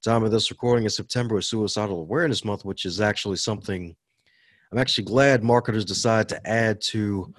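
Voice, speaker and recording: An upbeat man from Baltimore talks as a guest on a podcast interview. His voice sits a little low, and the sound is close and dry with no room around it. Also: fairly quick, no echo. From Baltimore, USA. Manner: upbeat, laughs often. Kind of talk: casual interview talk.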